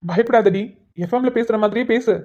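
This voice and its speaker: A woman's voice: on the high side, brisk, darkish tone, pitched below the performer's own voice, natural voice. This is a doting young husband in a cartoon, with his voice pushed down, as a woman plays him. He sounds proud and affectionate, and the sound is a little dull.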